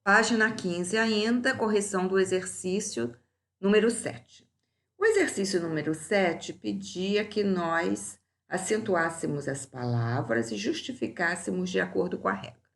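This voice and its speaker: A woman teacher, slow and deliberate, going through grammar exercise answers in a recorded class and drawing out each example word. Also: on the low side, animated.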